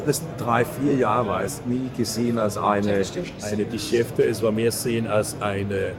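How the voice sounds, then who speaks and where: With a crowd in the background, a man from Belgium speaks halting, non-native German full of fillers and restarts. His pitch is fairly low and his tone steady. He's a podcast guest, the editor of a print-industry film channel, in a casual interview chat.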